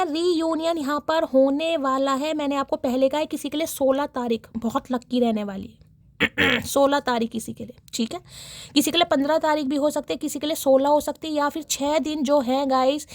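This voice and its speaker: A woman giving a chatty tarot reading, talking straight to her viewers, with a dry, irritated throat that she keeps clearing. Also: high voice, no room sound. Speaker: tarot reader.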